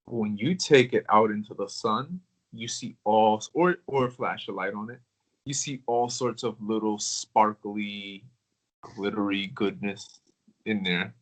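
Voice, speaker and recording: A man's voice: on the low side, measured pace, poor audio. Easygoing man chatting, rambling. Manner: relaxed, rambling, with filler words. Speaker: crystal collector. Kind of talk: casual conversation.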